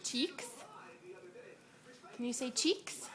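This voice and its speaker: A woman with a higher-pitched voice records at home, prompting her little one word by word. She talks unhurriedly and speaks each word with care. She keeps a patient, coaxing tone. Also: lively intonation. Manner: patient, coaxing, repeats words slowly and clearly. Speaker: mother. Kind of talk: home video, coaching a toddler.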